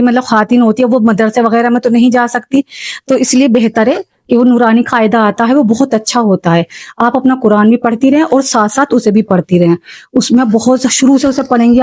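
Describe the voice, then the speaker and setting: A woman giving a spoken lesson on Quran recitation, patiently explaining and repeating examples slowly. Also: fairly high pitch, a little mellow, dry recording. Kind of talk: spoken religious lesson for beginners.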